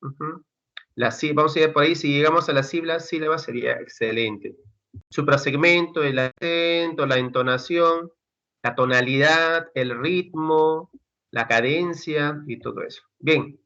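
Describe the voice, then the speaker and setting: A male lecturer teaching a class over a video call, loose and conversational as he talks his students through the readings. His voice is bright and forceful, and the lo-fi call audio sounds dull and muffled. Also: on the high side, unhurried. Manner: conversational, addresses students as chicos, many fillers. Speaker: university lecturer. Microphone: computer mic on a video call.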